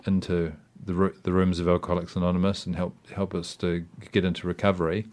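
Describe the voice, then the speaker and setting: A man's voice: low voice, little pitch movement, quick pace, darkish tone. A man with a New Zealand accent giving a casual interview as a guest, rambling reflectively with plenty of hesitations and filler phrases. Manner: hesitant, rambling, reflective, with frequent "you know" and "I mean".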